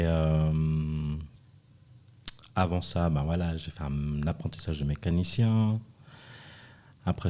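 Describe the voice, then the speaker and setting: A middle-aged man with a rumbling, mellow low voice chats casually as a podcast guest, joking and self-deprecating. Born in Chile and raised in Switzerland from age five, he founded a dance school.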